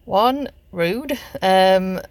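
This woman speaks at a medium pitch, extremely slowly, with a slightly mellow tone. A Northeast England vlogger with the local accent, she chats casually in her car for an accent challenge, filling pauses with many hesitant ums.

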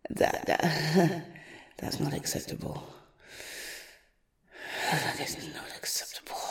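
A woman voicing an obsessive, unhinged female stalker in a whispered audio roleplay, crooning slowly and intimately in a breathy voice. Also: a little mellow, heavily acted. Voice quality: breathy whisper with creaky low tones. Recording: roomy echo.

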